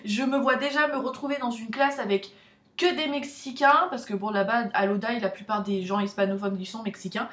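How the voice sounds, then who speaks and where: A young woman from France chats casually to her viewers. Her voice sits a little high, and she sounds nervous and pokes fun at herself, often stumbling and restarting. The room around her is bare and echoey. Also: steady tone, brisk, a bit bright. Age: young adult. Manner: chatty, nervous, self-deprecating, with many restarts. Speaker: vlogger. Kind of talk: casual chat to camera.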